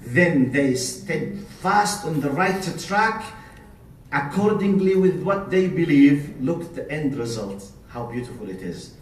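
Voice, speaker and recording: A man's voice: a little high, expressive, measured pace, slight background noise. A man with a Jordanian Arabic accent, a native Arabic speaker, gives an emphatic Islamic lecture to a live audience, punctuating it with rhetorical questions and short checking tags. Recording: echoey, picked up from a distance.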